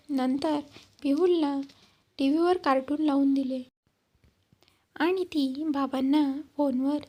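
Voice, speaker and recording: A woman with a high voice narrating a storybook tale. She reads at a steady, measured pace, as a channel's storyteller.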